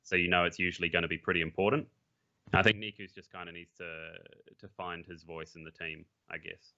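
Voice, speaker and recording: Speaking a little fast with a deep, fairly flat voice, this man has a bright, forceful tone. He's a professional esports player chatting bluntly on a podcast, restarting often and dropping the occasional swear, all through a muffled lo-fi mic.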